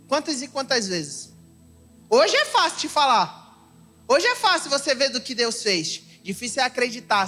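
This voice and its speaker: A young Brazilian man preaching in church with a high, bright, ringing voice. He moves between fervent outbursts and hushed, confiding stretches. Soft music plays quietly behind him. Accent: Brazilian Portuguese. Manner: fervent, shifting between loud exclaiming and soft confiding, calls listeners "irmão". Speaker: evangelist preacher. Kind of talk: emotional sermon with personal testimony. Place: church service.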